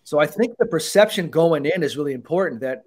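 The voice is a man's, pitched a little higher than most men's, and it comes across lively and loose in a casual podcast chat. He swears freely and keeps slipping into little acted-out voices of other people as he makes his points. He talks like a coach who is walking police officers through the mental side of the job. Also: a little fast, slightly rough.

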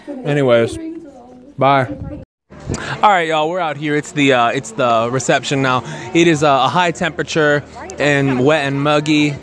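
A man hosting a casual wedding podcast outdoors at a reception, teasing guests and using lots of filler words. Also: mid-range voice. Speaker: host of an amateur wedding podcast. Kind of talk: casual chat, interviewing guests. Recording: music playing behind the voice.

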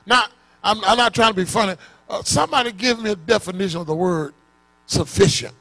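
A man preaching a sermon, questioning his congregation in call-and-response and bursting into shouts. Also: sits high, fairly quick.

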